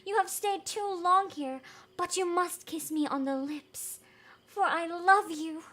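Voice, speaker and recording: A woman's voice: very high voice, a little slow, pushed and bright, exaggerated voice. A woman voicing a kind, loving prince statue in a storybook, with tender earnestness.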